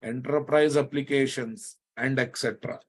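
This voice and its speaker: This programming instructor has a husky, mid-range voice with a steady tone and normal speed. He speaks with an Indian accent while lecturing a live online coding class, frequently repeating himself and making sure his audience keeps up.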